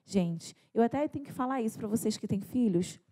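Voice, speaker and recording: A woman's voice: on the high side, lively intonation, a little fast, dark tone. A young adult woman preaching at a church service, telling a story with quoted dialogue and frequent restarts. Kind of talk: sermon.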